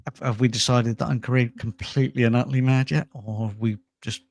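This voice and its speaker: A man's voice: mid-range voice, fairly even intonation, a little fast, gravelly, a little mellow. A man hosting a comedy stream, bantering playfully with stammering restarts and silly wordplay. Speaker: comedy show host. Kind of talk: casual banter.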